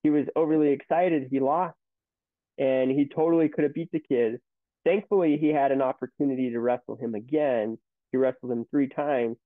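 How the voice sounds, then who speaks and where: A man's voice: mid-range voice, steady tone, normal speed, no room sound. Man on a tinny call line. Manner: rambling, storytelling with many restarts. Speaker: company CEO, guest. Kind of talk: casual interview talk. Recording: tinny phone-like line, dry.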